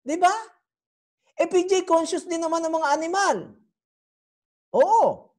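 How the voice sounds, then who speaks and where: A woman preaching a sermon. She is animated and teasing, and keeps quizzing the congregation. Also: very high voice, slow. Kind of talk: sermon teaching.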